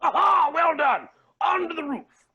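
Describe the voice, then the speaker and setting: A man's voice: very high voice, lively intonation, measured pace, bright, forceful tone, dull audio, heavily acted. A man playing a scheming, gleeful villainous billionaire with theatrical, posh exclamations in a tabletop game. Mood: gloating.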